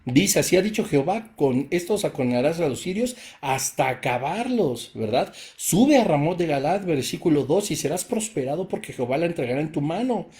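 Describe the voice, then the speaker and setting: A man's voice: on the high side, expressive, moderate pace, few pauses, darkish tone. A man with a Mexican accent teaching a Bible study, reading verses aloud and explaining them with rhetorical questions in a casual way. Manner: casual, repeats himself and restarts phrases.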